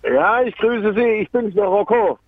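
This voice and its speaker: A man's voice: high voice, expressive, moderate pace, dry recording. A man called on the phone from his work van, giving short, clipped answers and often mishearing the questions. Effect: over a phone line. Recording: muffled lo-fi phone line.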